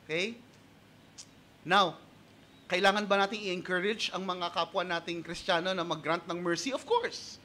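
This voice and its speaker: A Filipino-accented male pastor delivers an animated sermon in a notably high, ringing voice. He moves easily between Tagalog and English, stressing points and tossing rhetorical questions to the congregation. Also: unhurried, pauses often. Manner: animated and emphatic, punctuating points with rhetorical "Okay?"; switches between Tagalog and English mid-sentence.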